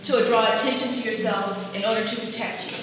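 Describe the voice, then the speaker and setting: A woman's voice: fairly high pitch, steady tone, brisk, a bit bright. A woman giving advice in a conversational, explanatory way at a public discussion. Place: large reverberant room at a public discussion. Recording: very echoey noisy hall, distant mic.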